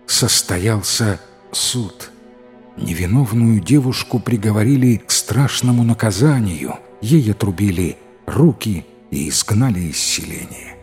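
A man narrating a fairy tale in an expressive, dramatic storytelling manner. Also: on the low side, unhurried. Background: faint music.

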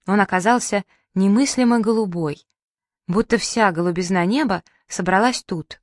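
A woman reads a children's tale aloud at a calm, even pace. Her voice sits in a middle register. The recording is dry and close, with no room sound. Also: medium pitch, moderate pace, no room sound. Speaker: narrator. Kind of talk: storybook reading.

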